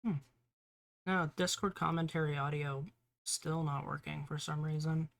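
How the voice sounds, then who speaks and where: A man's voice: fairly high pitch, steady tone, normal speed, vocal fry, a bit bright. A man hosting a live gaming stream in casual chat. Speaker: streamer, host.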